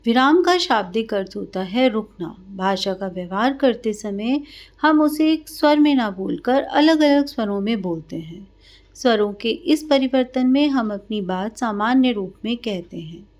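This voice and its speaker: Slow, patient woman teaching grammar. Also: fairly high pitch, a little mellow, muffled recording. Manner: slow, explanatory classroom delivery. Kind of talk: grammar lesson.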